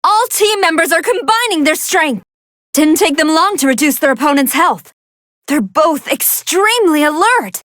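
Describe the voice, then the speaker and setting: Female android scientist, video game fight commentator, very high voice, animated intonation, articulate, analytical. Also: normal speed, dry recording, clean studio sound. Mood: composed, analytical.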